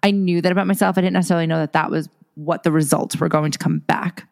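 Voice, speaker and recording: This Los Angeles podcast co-host, also a young woman, has a low-pitched, darkish, creaky voice that stays steady in tone. She talks fast and rambles casually, full of fillers and false starts.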